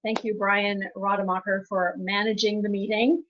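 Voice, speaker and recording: A woman travel agent with a mid-pitched voice, speaking in a friendly, gracious manner on a webinar. The audio is dull and lo-fi, over a video call. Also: flat delivery, normal speed, slight background noise. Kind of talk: casual webinar wrap-up.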